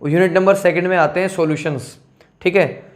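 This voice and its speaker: Man, teacher, fairly high voice, casual lesson, repeats "theek hai", slows for technical terms. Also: steady tone. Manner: repeats "theek hai" often, addresses students as children; switches between slow read-out terms and quick asides. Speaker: teacher explaining a syllabus.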